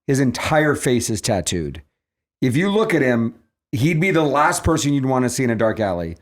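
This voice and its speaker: A man appearing as a guest on a podcast, chatting casually and teasing the host with quick jabs. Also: medium pitch, big pitch swings. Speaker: podcast guest, film producer.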